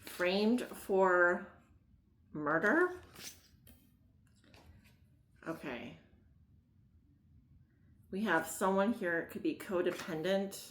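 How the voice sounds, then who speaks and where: In a roomy-sounding recording, a tarot reader with a Maryland Mid-Atlantic accent rambles through a casual reading, full of fillers and laughter at her own expense. Her lowish voice is expressive, with drawn-out words and frequent pauses.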